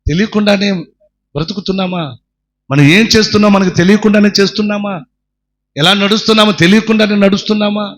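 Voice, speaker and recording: A man's voice: high-pitched, steady tone, quick pace, long pauses, a little hiss or hum. A man preaching a sermon, telling a story dramatically and crying out the pleas of its characters. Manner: dramatic storytelling, acting out voices and shouting pleas.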